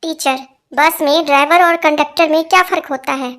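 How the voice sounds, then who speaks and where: A woman reading out a string of jokes, lively, voicing each character in turn. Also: sits high, moderate pace. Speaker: joke teller.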